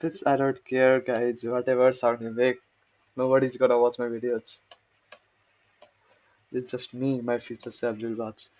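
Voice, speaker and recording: A man's voice: medium pitch, little pitch movement, a little slow, long pauses, a little mellow. A man talks through a coding article in a loose, rambling way, often stopping to repeat a word until he says it right. He pokes fun at himself as he goes. The recording is dull and lo-fi. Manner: rambling, self-mocking, repeats words to practice pronunciation. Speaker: programmer reading a tech post. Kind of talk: casual screen-recorded coding talk.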